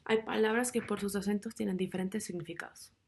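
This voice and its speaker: A young woman narrates a class presentation on grammar rules. Her mid-pitched voice has a light gravelly fry, and she reads through rules and example words in a measured, steady way. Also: background noise. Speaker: student presenter.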